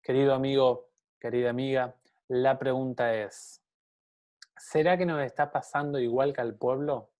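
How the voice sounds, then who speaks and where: A man's voice: medium pitch, steady tone, normal speed, darkish tone. A man giving a Bible teaching sermon in an earnest tone, speaking straight to the listener and posing rhetorical questions.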